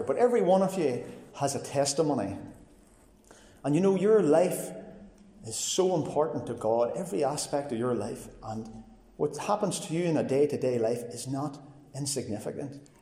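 A man in his forties with a Northern Irish accent, giving a personal testimony in a plain, earnest, halting way. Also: mid-range voice, dark tone. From Northern Ireland. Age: 40s. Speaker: testifying church member. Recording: echoey hall with long reverb.

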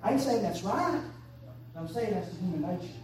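A woman's voice: medium pitch, expressive, fairly quick, distant mic, background noise. Impassioned woman preaching, echoey church. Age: 30s. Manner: impassioned, swinging between hushed and shouted. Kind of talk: sermon. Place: church sanctuary.

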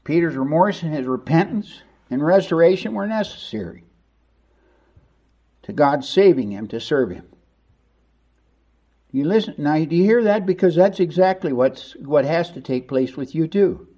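Male pastor, sermon, high voice, emphatic, conversational. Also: animated, normal speed, pauses often. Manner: emphatic and conversational, with sudden loud stresses.

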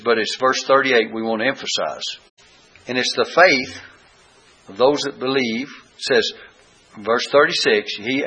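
Bright, husky-voiced man teaching scripture. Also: medium pitch, highs cut off. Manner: reads scripture aloud with deliberate emphasis. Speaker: Bible teacher. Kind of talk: Bible lesson sermon.

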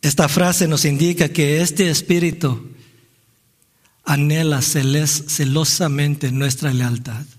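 A man's voice: fairly high pitch, fairly even intonation, takes it slowly. A man preaching a sermon in a church, earnest and reflective, often restarting phrases and asking "¿no?". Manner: earnest, with frequent restarts and rhetorical "¿no?". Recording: long hall reverb.

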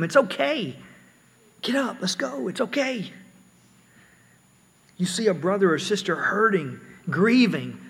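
A man's voice: high voice, fairly bright tone, long reverb tail. A man preaching a sermon earnestly, often repeating words as he explains.

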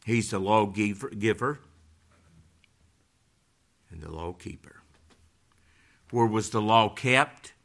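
A man preaching a sermon with a folksy delivery, moving from hushed passages to loud, emphatic ones. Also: fairly low pitch, takes it slowly, vocal fry, pauses often.

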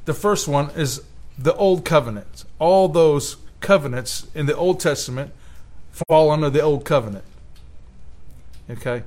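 A man's voice: on the high side, a little slow, darkish tone. A man preaching a sermon in an earnest way, rising with emphasis when he quotes scripture. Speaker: pastor.

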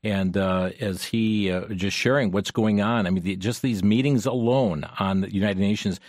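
A man hosting a call-in talk radio show with a smooth radio host delivery, steady and unhurried, with frequent filler pauses as he reads stories and takes listener calls. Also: on the low side, no echo, clean studio sound. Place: radio studio. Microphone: studio microphone.

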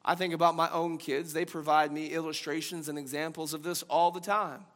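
A man preaching a sermon as a pastor, swinging from loud emphasis to hushed tones. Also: fairly high pitch, fairly even intonation, brisk. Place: church sanctuary. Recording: long church hall reverb.

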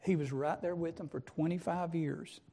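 A man's voice: fairly high pitch, steady tone, normal speed, mellow. A man preaching a sermon, emphatic and full of rhetorical questions. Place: church sanctuary. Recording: long church reverb.

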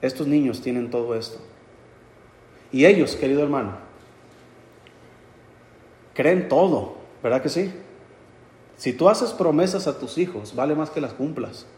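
A man's voice: fairly high pitch, expressive, measured pace, long pauses, a little mellow. Preacher guy giving a sermon, keeps saying brothers, echoey church room. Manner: addresses congregation as brothers, rising emphasis on key phrases.

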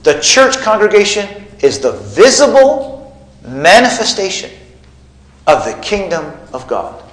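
A man preaches to his congregation, building emphasis and rising in volume on key points. His voice sits a little high. The room around him is echoey, like a church sanctuary. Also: very animated, unhurried, fairly bright tone. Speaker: pastor. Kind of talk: sermon.

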